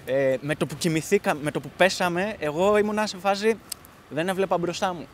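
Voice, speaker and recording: A man's voice: high-pitched, a little hiss or hum. A young man telling stories in a casual travel vlog, hungover and poking fun at himself, outdoors. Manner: playful storyteller, hungover and self-mocking. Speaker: vlogger. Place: outdoors in the cold.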